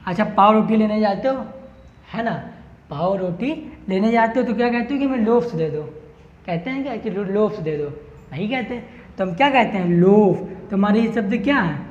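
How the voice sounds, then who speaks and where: A man's voice: sits high, animated, normal speed. A male English teacher giving an online lesson, who asks the class questions and answers them himself to drill each point. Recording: roomy echo, dull lo-fi sound, faint hiss.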